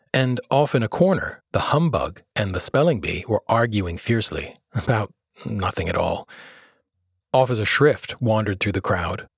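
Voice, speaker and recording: A man narrating an audiobook in a low, husky voice, expressive and steady. The sound is close and dry, with no room around it. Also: no echo. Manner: expressive storyteller, voices characters. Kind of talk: audiobook reading.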